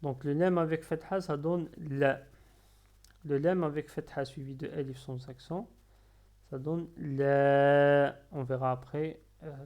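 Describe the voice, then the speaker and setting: A man teaching Arabic letters step by step, patiently drilling syllables slowly and repeating them. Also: mid-range voice, dark tone. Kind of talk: slow step-by-step lesson.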